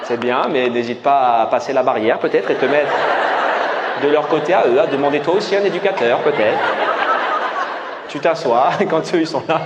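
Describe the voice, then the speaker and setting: A man's voice: mid-range voice, normal speed, dull audio. A man with a southern French accent doing improvised stand-up crowd work, teasing and mocking audience members and echoing their answers back to them. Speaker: stand-up comedian. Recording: live comedy room, loud crowd laughter and noise. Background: audience laughing and loud room noise.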